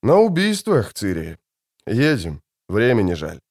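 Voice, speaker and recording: A man's voice: fairly low pitch, wildly swooping pitch, unhurried, a little mellow, heavily acted. A man voicing a grim, laconic male witcher in a fantasy audiobook, speaking tersely. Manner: terse and curt.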